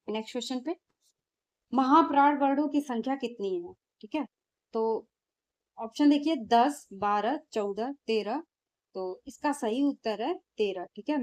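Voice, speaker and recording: A woman's voice: a little high, darkish tone. A woman teacher, going through exam questions in a lesson and answering her own questions.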